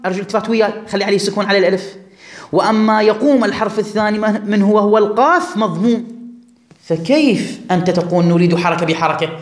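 High-voiced man teaching, echoey room. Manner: drawn-out, repeating words for students. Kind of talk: classroom grammar lesson.

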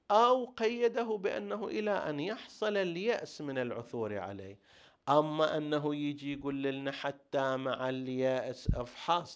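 A man teaching a lecture on religious law. He explains step by step and asks himself rhetorical questions. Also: on the high side. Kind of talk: jurisprudence lecture.

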